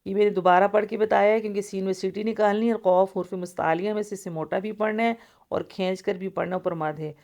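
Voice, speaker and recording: A woman's voice: medium pitch, steady tone, vocal fry, darkish tone. A woman teaching Quran recitation rules, patiently explaining each letter and stretching out recited sounds. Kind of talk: tajweed lesson, explaining and reciting.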